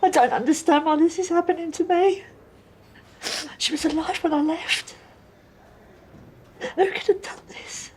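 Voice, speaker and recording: A woman's voice: very high-pitched, fairly even intonation, unhurried, pauses often, slight background noise. An actress playing a frightened, tearful pregnant woman held for murder, pleading and anxious. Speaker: murder suspect in custody.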